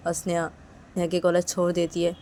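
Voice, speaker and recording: A woman's voice: on the low side, completely flat delivery, brisk, dark tone, a little hiss or hum. A woman narrating a romantic story in a plain, repetitive, casual way.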